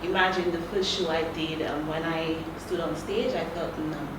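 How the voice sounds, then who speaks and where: Calm woman in her thirties, distant. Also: low-pitched, normal speed. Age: 30s. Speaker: model. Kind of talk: casual interview. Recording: distant mic in echoey noisy room.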